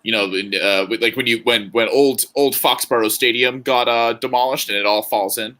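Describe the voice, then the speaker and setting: A man's voice: medium pitch, steady tone, moderate pace, pushed and bright. A man co-hosting a podcast in casual banter, joking and rambling with frequent laughs. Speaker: podcast co-host.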